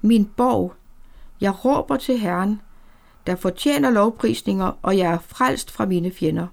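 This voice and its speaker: A woman voicing an anxious old grandfather who speaks softly and prays in a hushed, pleading way. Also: mid-range voice, gravelly, lightly acted. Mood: pleading prayer. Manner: soft, hushed pleading prayer.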